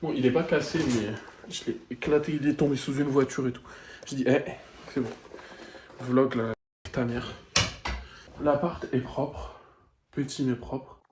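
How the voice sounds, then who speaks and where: A man's voice: mid-range voice, steady tone, moderate pace, background noise. A man in his twenties vlogging casually while driving and walking, exasperated and ranting, with crude swearing. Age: 20s. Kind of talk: casual vlog. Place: in a car on the road, then outdoors. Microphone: handheld phone camera.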